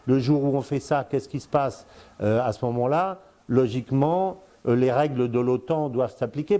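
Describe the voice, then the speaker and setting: A man in his sixties, born in Congo and having lived in Africa, Spain, and Brazil, appears as a guest strategic affairs commentator. He offers casual political commentary directly to the listener, hesitating often with many fillers and repeated words. His voice is medium-pitched and warm.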